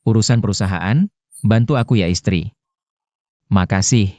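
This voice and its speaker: A man's voice: lowish voice, normal speed, warm tone, dry recording, natural voice. An actor voicing a heartbroken young man, a moping CEO son full of self-pity, in a dubbed drama. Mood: soft. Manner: mopey, self-pitying.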